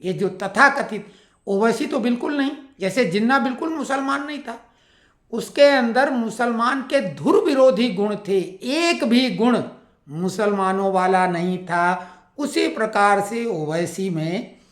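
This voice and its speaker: A woman with a fairly high voice delivers an opinionated political monologue. She stacks up pointed rhetorical questions as she goes. Her voice rings with the echo of a roomy space. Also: a little slow. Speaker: political commentator.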